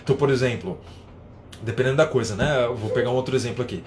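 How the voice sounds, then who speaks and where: A man teaching in a live online lesson, explaining with everyday examples and often adding a quick tag question. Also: mid-range voice, darkish tone, slight background noise. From São Paulo, Brazil. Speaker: English teacher.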